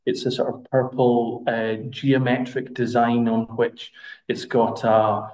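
Scottish male podcast guest, monotone, halting with fillers. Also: medium pitch, low-quality recording. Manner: hesitant, many fillers and restarts. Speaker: brand representative guest. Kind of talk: podcast interview.

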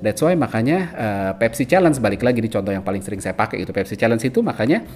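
A man's voice: on the low side, big pitch swings, quick pace, darkish tone. A man hosting a podcast, talking, full of fillers and restarts. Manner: loose, conversational, many fillers and restarts. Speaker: podcast host. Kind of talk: casual explanatory monologue.

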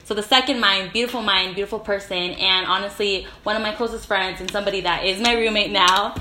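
A woman's voice: mid-range voice, steady tone, fairly quick. A young adult woman hosting a podcast, upbeat and encouraging toward her guest. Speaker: podcast host. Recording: echoey room, faint noise.

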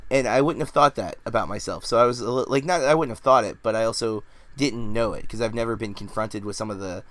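A man in his forties with a somewhat low voice chats casually about a film. He rambles, hedges and fills pauses with "um" and "like" as a podcast host. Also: fairly bright tone, dry recording. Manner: rambling, hedging, many fillers. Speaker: podcast host reviewing films.

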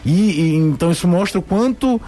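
A man's voice: sits high, lively intonation, fairly quick, warm tone. A man giving conversational, explanatory football analysis on the radio, repeating words to build his points. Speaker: sports commentator.

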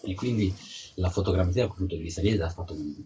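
A man's voice: low-pitched, fast, background noise. A man from Italy giving conversational technical answers in an interview, often repeating words and restarting as he explains. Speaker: interviewed field geology researcher. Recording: dull, muffled audio.

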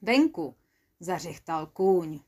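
A woman narrating a children's story in a lively, playful way. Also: lowish voice.

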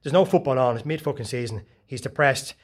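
A man, giving a casual, profane motivational talk full of animated storytelling. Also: medium pitch, quick pace, breathy edge. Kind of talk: casual monologue.

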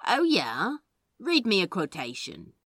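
A woman's voice: mid-range voice, huge pitch swings, a little slow, fairly bright tone, breathy edge, dry recording, studio quality, full character voice. A woman voicing a sardonic male demon who drawls lazily and teases. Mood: teasing. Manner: lazy drawl, mocking.

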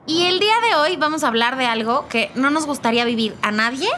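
A woman's voice: high-pitched, quick pace, bright, forceful tone, slight background noise. A woman with a Mexican Spanish accent hosting a casual chat podcast, talking in an emphatic, slangy way. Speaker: podcast host.

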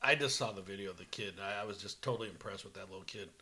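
A man's voice: sits low, rapid-fire. A man co-hosting a casual political chat, often jumping in. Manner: animated, interjects often. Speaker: talk show co-host.

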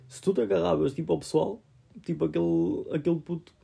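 A man's voice: fairly high pitch, steady tone, quick pace, vocal fry, dark tone, slightly rough. A young man chatting casually about things in slangy speech sprinkled with English words. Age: young adult. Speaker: film discussion podcast co-host. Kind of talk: casual chat.

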